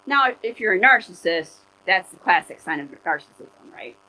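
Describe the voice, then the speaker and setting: A middle-aged woman pastor giving a sermon in church, conversational and animated, telling personal stories to make her points. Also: medium pitch, normal speed, a little hiss or hum, low-quality recording.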